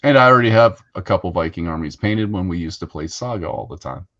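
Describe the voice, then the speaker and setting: Low-voiced man in casual hobby chat. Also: fast, highs cut off. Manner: relaxed, rambling with frequent fillers. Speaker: co-host.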